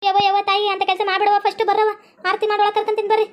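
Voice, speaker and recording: A woman voicing a gruff, scheming older mother-in-law, scolding in a low voice. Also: monotone, very fast, lo-fi sound. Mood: coaxing.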